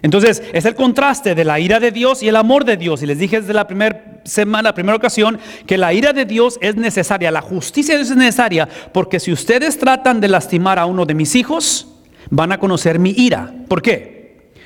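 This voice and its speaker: A man with a notably high voice delivers a sermon, pressing his points with rhetorical questions to the congregation. His voice rings with a long reverb from a large church hall. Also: animated, normal speed. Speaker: pastor.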